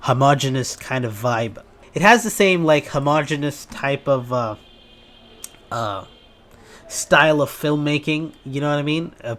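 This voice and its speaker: A man from Bangladesh hosting a reaction video, talking casually with laughs and halting restarts. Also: medium pitch, fairly bright tone.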